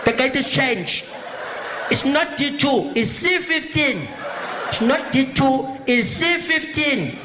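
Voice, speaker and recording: Give me a rambling South African airport announcer over the intercom, very high-pitched. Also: male voice, expressive, slow, full character voice. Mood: careless. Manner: rambling, casual, repeats himself. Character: sloppy chatty male airport announcer. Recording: live comedy stage with loud crowd noise.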